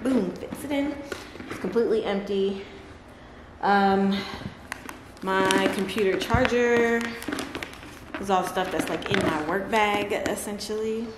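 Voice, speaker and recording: A woman with a mid-range voice speaks unhurriedly and pauses often as she vlogs casually to camera, laughing frequently and addressing her dogs. The setting is a large, bright living room at home, with a camera on a table close by; the room echoes and background noise is clear.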